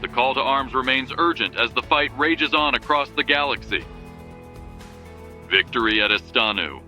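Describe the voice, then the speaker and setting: A very bright, hard-edged male voice over prominent music as a man acts out a wartime news anchor. He delivers a scripted radio bulletin with grave urgency, rousing the troops like a herald of war. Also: medium pitch, lively intonation, moderate pace. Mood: proud, rousing. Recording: music behind the voice.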